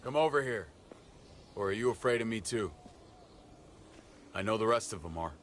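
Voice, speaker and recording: A man's voice: on the low side, expressive, normal speed, fairly bright tone, slight background noise. An actor playing a hardened, curt militia leader and estranged father in a dramatic video game. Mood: bitter, brooding. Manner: curt, commanding.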